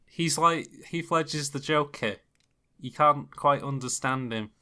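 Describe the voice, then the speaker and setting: A man with a bright, forceful voice trades jokes in a loose conversation. He rambles, trails off mid-thought and laughs at his own gags. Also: on the high side, measured pace, clear, resonant tone. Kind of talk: casual chat.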